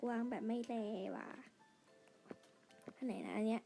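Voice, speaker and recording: Soft-spoken chatty woman gamer. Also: on the high side, steady tone, a little slow, gravelly, faint music behind. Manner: chatty, pleading and gushing over items. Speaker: gamer narrating her play. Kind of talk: casual game commentary.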